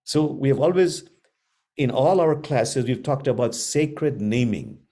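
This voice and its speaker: Middle-aged guy teaching a spiritual class, warm mellow voice, slow and earnest, lots of repeating. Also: medium pitch, expressive. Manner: slow, earnest, repetitive phrasing with long pauses. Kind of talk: gentle spiritual class talk.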